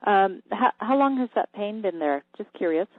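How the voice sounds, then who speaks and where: A radio host giving an energy healing reading to a caller, calm and halting, sometimes dropping to a whisper while checking. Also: mid-range voice, no room sound. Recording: thin phone-like line, dry.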